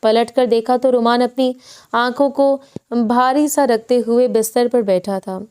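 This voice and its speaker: Smooth-voiced woman narrating a romance. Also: fairly high pitch, steady tone, darkish tone. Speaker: audiobook narrator.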